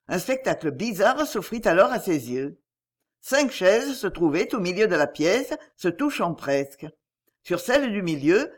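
Expressive narrator with a lively pitch. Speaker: audiobook narrator. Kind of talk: scripted narration of a crime novel.

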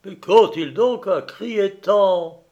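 A man reading an audiobook, voicing a coolly mocking revolutionary leader with a high, sharp voice. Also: slow, lo-fi sound. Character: shrill, icily calm revolutionary leader, man.

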